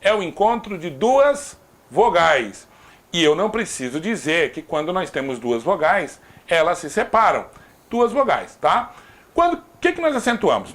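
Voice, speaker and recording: Lively Brazilian man teaching grammar. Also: high voice. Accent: Brazilian Portuguese. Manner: lively, repeats "tá?" to check understanding, jokes aside. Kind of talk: recorded exam-prep grammar lesson.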